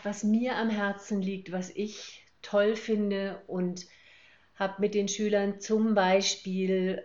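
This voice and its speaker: An older woman raised in Hamburg with a northern German accent, a former teacher speaking thoughtfully as a podcast guest with many pauses and fillers. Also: medium pitch, highs cut off. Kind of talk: podcast interview.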